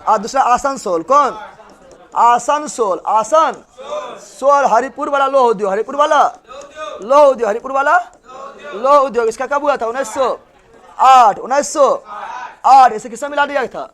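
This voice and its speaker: A man's voice: very high voice, measured pace, pauses often, a bit bright. A male teacher, giving a classroom lecture and drilling students with repeated questions and answers.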